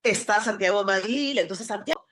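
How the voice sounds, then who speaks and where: A woman from Peru with a Lima accent, guesting in an interview as an actress, speaks casually at a normal pace in a medium-pitched, fairly bright voice. She rambles, restarting often and filling pauses.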